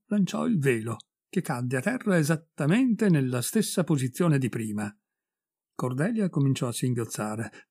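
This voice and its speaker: A man reading a ghost story aloud as an audiobook, voicing the characters with raised pitch and emphasis. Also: a little mellow, breathy edge, no room sound. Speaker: audiobook reader. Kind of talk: expressive audiobook narration.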